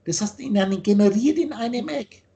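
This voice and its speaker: A man's voice: sits high, fairly quick, warm tone. A man teaching on a video call, lecturing insistently and spelling out letters as he explains. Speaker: spiritual teacher.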